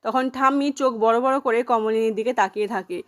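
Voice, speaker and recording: A woman's voice: fairly high pitch, brisk. A woman retelling a television serial episode, plainly narrating with quoted dialogue. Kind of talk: soap-opera episode recap narration.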